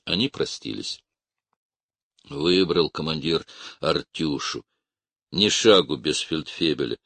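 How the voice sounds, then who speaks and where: A man reading a story aloud in a slow, expressive manner. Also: a bass voice, dry recording. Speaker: narrator. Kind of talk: audiobook reading.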